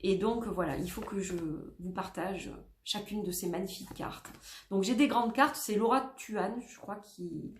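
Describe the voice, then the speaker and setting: A woman's voice: medium pitch, unhurried. Chatty French woman in an echoey room. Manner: chatty, rambling with many fillers and self-corrections. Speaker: tarot vlogger. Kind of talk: casual chat showing tarot decks.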